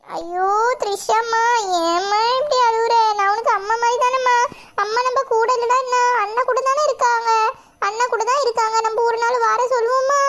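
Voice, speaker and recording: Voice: extremely high pitch, steady tone, normal speed, pushed and bright, slight background noise, exaggerated voice. A performer voicing a kind young aunt who looks after the children in a cartoon. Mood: comforting. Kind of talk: cartoon voice acting.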